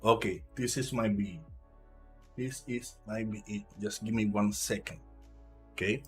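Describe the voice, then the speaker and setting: A man from Puerto Rico with a Puerto Rican Spanish accent and Spanish as his first language, giving halting live trading commentary while he reads the chart aloud. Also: fairly low pitch, soft background music. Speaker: live trader.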